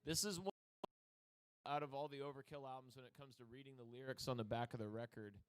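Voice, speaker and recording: A man's voice: medium pitch, fast, a little hiss or hum. A man with a New Jersey accent, co-hosting a casual chat about metal albums and rambling through jokes and side stories. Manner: rambling, joking, with exaggerated quoted voices. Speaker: podcast co-host.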